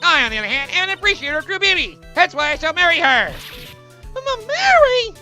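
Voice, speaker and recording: A man voicing a pompous, rude ventriloquist dummy with a squeaky, strained voice, in a video game read-through. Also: sing-song, fast, bright, forceful tone, soft background music, heavily acted. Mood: boastful. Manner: pompous, brash.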